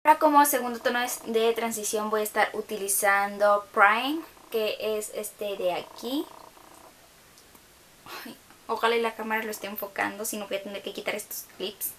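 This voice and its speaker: A woman's voice: mid-range voice, steady tone, normal speed, fairly bright tone, slight background noise. A young woman gives a casual makeup tutorial from her bedroom, chatting along with hesitant fillers.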